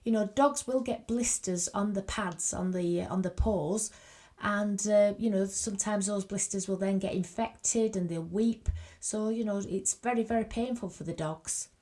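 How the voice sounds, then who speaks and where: A woman's voice: medium pitch, steady tone, normal speed, a little mellow. A woman from a charity, a radio guest giving advice in a chatty way, full of "you know". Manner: chatty, lots of 'you know'. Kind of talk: casual radio interview.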